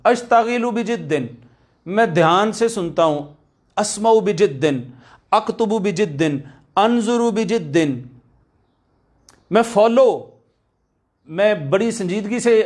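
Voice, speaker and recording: High-voiced man drilling Arabic words. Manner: repeats key words slowly and drawn out for drill. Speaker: Arabic language teacher. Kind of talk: recorded lecture.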